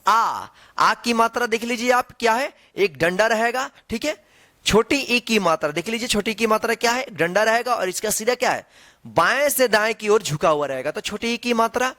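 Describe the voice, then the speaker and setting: A man with a high, animated voice leads a writing lesson. He explains each vowel sign step by step, and his voice swings up and down as he checks that his students are following along. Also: normal speed. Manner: patient, repetitive, checks in with "theek hai na". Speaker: Hindi teacher. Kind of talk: whiteboard lesson explaining Hindi vowel signs.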